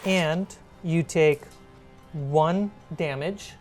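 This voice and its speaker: A woman acting as game master narrates a tabletop role-playing game in a casual, conversational way. Her voice is low-pitched and darkish in tone, and she speaks extremely slowly, with music playing behind her.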